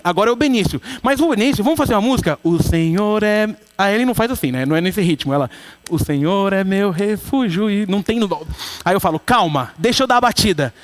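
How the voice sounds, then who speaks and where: A man from Brazil preaching a sermon in church. His voice sits very high for a man. He swings between playful storytelling and earnest appeals and acts out the people he quotes. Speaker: pastor. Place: church sanctuary.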